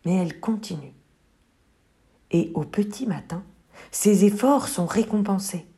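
A woman tells a children's story aloud in an expressive storytelling voice. She builds suspense with dramatic pauses and lively emphasis. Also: mid-range voice. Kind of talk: reading a children's picture book aloud.

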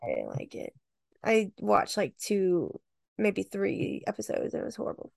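A woman's voice: medium pitch, wildly swooping pitch, normal speed, vocal fry, a little mellow, no room sound, studio quality. A woman chatting casually on a video call about a book, laughing often. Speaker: podcast co-host. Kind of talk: casual book club chat.

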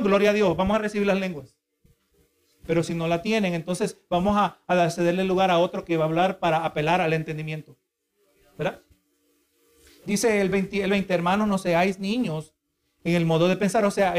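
A male preacher with a high-pitched voice delivers a sermon at a brisk pace. Earnest and explanatory, he repeatedly asks the congregation for agreement and often restarts his sentences.

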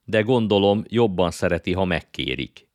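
A man's voice: low-pitched, expressive, dry recording, studio quality, voice pushed up. A man reading aloud and voicing a friendly talking winged horse who chats cheerfully, often with his mouth full.

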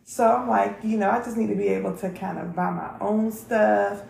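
A woman's voice: mid-range voice, steady tone, moderate pace, creaky, a little mellow, reverberant, poor audio. A woman, chatting candidly to camera in a casual vlog and swearing freely. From North Carolina. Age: 30s. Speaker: vlog host.

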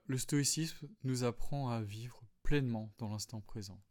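A man hosting a solo podcast, calmly explaining philosophy, with frequent fillers and restarts. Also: mid-range voice. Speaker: podcast host. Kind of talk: reflective solo talk on philosophy.

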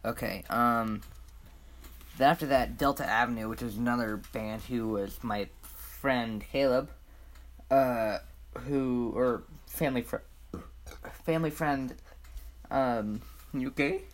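A man's voice: mid-range voice, slow pace, pauses often. Giggly rambling young man. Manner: rambling, giggly, with many fillers and restarts. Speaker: podcast co-host. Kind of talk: casual chat.

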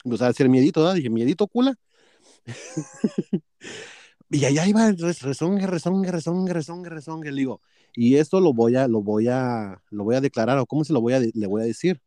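A man's voice: medium pitch, brisk, dark tone, no echo, clean studio sound. A man with a Mexican accent telling a workplace story in casual chat, profane and gossipy, acting out both sides of a quarrel.

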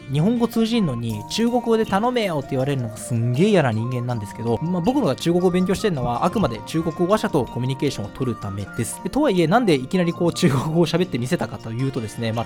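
A man from Fukushima, Japan, hosting a solo podcast in a chatty, animated way with frequent fillers. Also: medium pitch. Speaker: podcast host.

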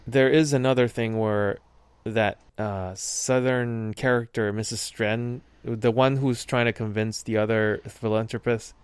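A man's voice: medium pitch, fairly even intonation, measured pace, hardly any pauses, smooth, dry recording. A man in casual chat about a film, thoughtful and searching for words with frequent fillers. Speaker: podcast co-host discussing a film.

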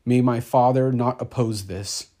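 A man voicing a calm, resolute young seeker in a storybook reading, speaking quietly and firmly. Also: mid-range voice, a little slow, close to an everyday voice.

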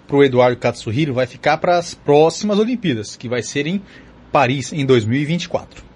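A Brazilian man with a husky voice presenting a radio sports news bulletin. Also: fairly high pitch, lively intonation, fairly quick, a little mellow.

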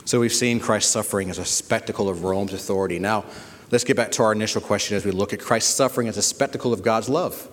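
A man pastor preaching, kinda low voice, big church echo, lots of rhetorical questions. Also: fast talker. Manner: preaching with rhetorical questions and sudden loud emphasis. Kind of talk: sermon.

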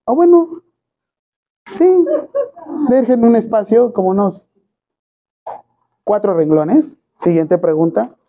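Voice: mid-range voice, lively intonation, takes it slowly, long pauses. A teacher with a Mexican Spanish accent gives a classroom lecture and keeps quizzing the students with questions. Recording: tinny phone-quality recording.

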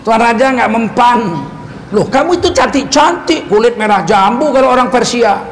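Man preaching, storytelling, jokey, high voice, echoey hall. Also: moderate pace. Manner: animated storytelling with jokes. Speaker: Islamic preacher. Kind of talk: sermon storytelling. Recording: echoey hall, faint background noise.

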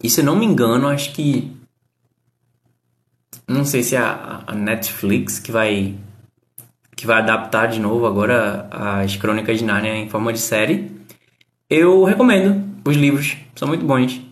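A man's voice: medium pitch, moderate pace, echoey room. A man giving a casual live-stream English lesson, answering chat comments and explaining grammar patiently.

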